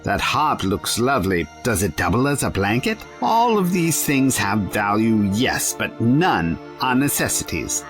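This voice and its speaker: A man in an audio drama playing a quick-witted, righteous adventurer, sardonic and theatrical. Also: fairly low pitch, very animated, music in the background. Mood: sarcastic, reproachful. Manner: wry, sarcastic, theatrical.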